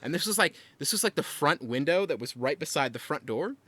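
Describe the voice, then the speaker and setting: Young guy on a podcast telling a wild story, really bright sharp voice, dry mic. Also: fairly high pitch, brisk, no room sound. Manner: animated, laughing retelling with acted quotes. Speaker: podcast co-host. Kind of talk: casual storytelling.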